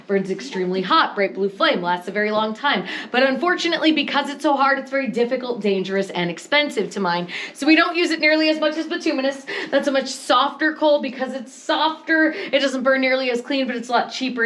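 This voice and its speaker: A high-pitched woman gives a guided tour deep in an underground mine, explaining as she goes and slipping in jokes. She is caught by a visitor's camera, sometimes close and sometimes farther off, with a faint hiss behind her. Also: a bit bright. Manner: chatty, joking, explanatory patter. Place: underground coal mine tunnel.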